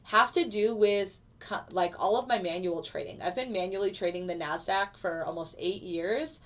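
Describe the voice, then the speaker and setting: Medium in pitch, a touch bright, and at a normal speed, a woman talks with the stuffy, blocked sound of a lingering cold. She's streaming live as a futures day trader, giving easygoing commentary on her trades and answering chat with fillers.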